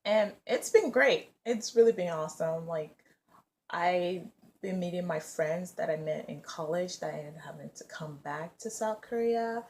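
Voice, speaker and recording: A woman's voice: fairly low pitch, normal speed, darkish tone, slight background noise. A young woman in her twenties, raised in the US, chatting casually and rambling with lots of fillers. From Nigeria, raised in the US. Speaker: vlogger and English teacher. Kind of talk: casual vlog chat.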